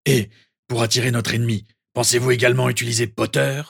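A man reading a story aloud, voicing a gruff old male auror who questions people in an abrupt, sarcastic way. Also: mid-range voice, normal speed, a bit bright, no echo, studio quality, heavily acted. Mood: blunt. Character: gruff battle-scarred old male auror, blunt leader. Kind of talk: audiobook character reading.

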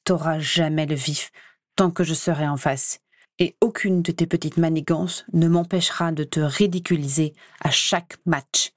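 A spiteful teenage boy wizard spits threats at his rival in a low, cold storybook voice, as a woman reader puts him on. The sound is dry and close, with no room around it. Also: fairly even intonation, normal speed, no echo. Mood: taunted.

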